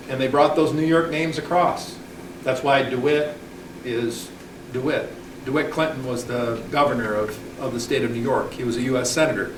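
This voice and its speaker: Man, middle-aged, rambling history talk, echoey hall. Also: medium pitch. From Michigan. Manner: rambling, many ums and restarts. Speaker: local history speaker. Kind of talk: informal public talk. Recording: echoey hall, distant mic, background noise.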